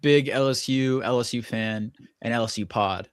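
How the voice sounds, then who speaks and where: A man's voice: medium pitch, no room sound, studio quality. A young man co-hosting a live sports draft reaction stream, chatting casually and reading out viewer comments. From DC area, USA. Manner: chatty, quick banter, reads out viewer comments. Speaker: co-host.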